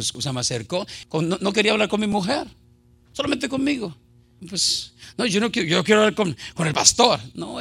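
Middle-aged male pastor, slightly high voice, preaching passionately with rhetorical questions. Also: creaky, bright, forceful tone. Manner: impassioned, conversational, rhetorical questions. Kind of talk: sermon.

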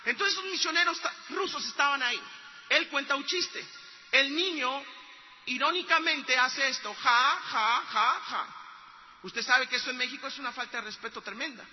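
A man's voice: very high voice, a little fast, big-room sound, lo-fi sound. A man preaching a sermon, telling a story earnestly and pressing his points to the congregation. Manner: earnest storytelling that builds to loud exhortation.

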